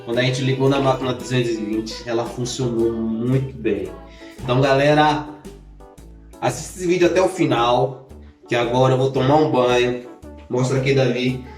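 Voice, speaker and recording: A man in his thirties from Salvador, Brazil, chats to his viewers in a casual family-vlog manner. He pokes fun at himself and restarts his sentences. His voice sits at an ordinary middle pitch. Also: fairly even intonation, moderate pace, reverberant, faint music behind. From Salvador, Bahia, Brazil. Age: 30s. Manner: chatty, self-mocking, repeats and restarts. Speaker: family vlogger.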